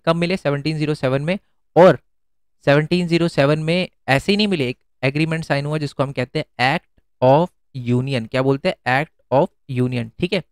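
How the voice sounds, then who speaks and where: A man's voice: a little high, smooth, no echo, clean studio sound. A man teaching an exam-prep lesson in a casual, chatty way, often asking questions and answering them himself.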